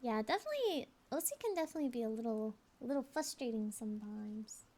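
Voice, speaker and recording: A woman's voice: on the high side, animated, quick pace, mellow. A young woman chatting casually as a livestream host, in a cute, girlish, bubbly anime-streamer manner. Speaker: livestream host, VTuber artist.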